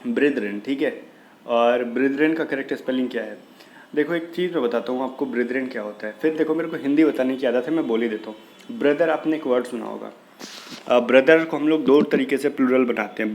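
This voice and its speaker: A man's voice: medium pitch, rough recording. Man, vocabulary teacher, casual explaining, spells words out, faint room hum. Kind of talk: exam-prep vocabulary lesson.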